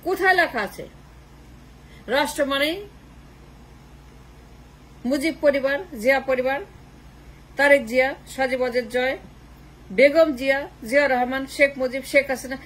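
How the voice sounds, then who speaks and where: A woman's voice: high voice, fairly even intonation, normal speed, pauses often, rough recording. A woman giving a political monologue, emphatic and repetitive, switching between Bengali and English. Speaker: political commentator.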